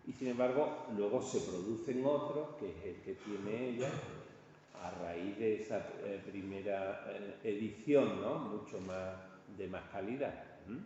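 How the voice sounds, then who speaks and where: In a big echoing indoor room, a lecturer with a fairly low, dark voice and an accent from Spain talks informally about art history, showing illustrations to an audience. He speaks in a halting, conversational style and keeps checking in with the crowd. The sound is distant and muffled, with faint noise and heavy echo.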